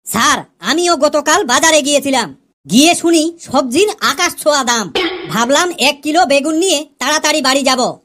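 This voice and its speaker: A woman with a high-pitched, fairly bright, expressive voice speaks at normal speed, playing Kalu, a cheeky male pupil in a comedy cartoon. With mock earnestness, he explains things to the teacher while joking about wives and women.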